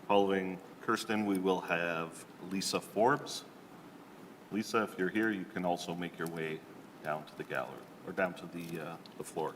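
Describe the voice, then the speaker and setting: A man chairing a public committee meeting, calling up speakers in a measured, procedural way with hesitant fillers. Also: low voice, fairly even intonation. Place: large council chamber. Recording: long reverb of a council chamber, faint room hum.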